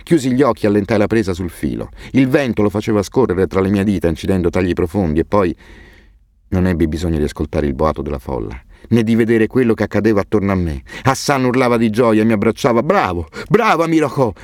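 Deep-voiced male audiobook narrator. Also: no room sound, studio quality. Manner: expressive, measured storytelling. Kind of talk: scripted narration.

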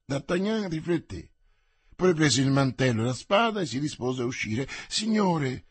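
Expressive male audiobook narrator, husky voice. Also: mid-range voice, no echo. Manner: expressive, measured reading. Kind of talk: scripted narration.

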